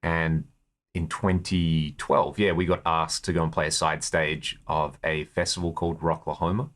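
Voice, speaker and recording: His pitch is extremely low and his delivery flat, though the tone is fairly bright and the speed normal. An Australian man from Perth who plays guitar in a touring band, he chats as an interview guest about his personal experiences.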